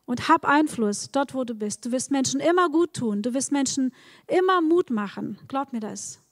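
A woman's voice: high voice, lively intonation, moderate pace, no room sound, studio quality, big-room sound. A woman preaching a sermon, speaking straight to her congregation with encouraging words and frequent repetitions. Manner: encouraging, addresses the congregation directly, repeats words.

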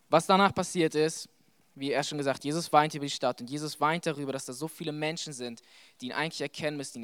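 Young man preaching, clear dry voice. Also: mid-range voice, no echo. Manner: conversational, animated preaching with frequent fillers. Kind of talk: sermon. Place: church hall with audience.

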